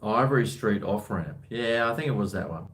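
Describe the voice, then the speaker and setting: This livestream host has a fairly low voice, animated and moving at a moderate pace. He's casually replying to viewer comments, rambling in relaxed, blokey slang.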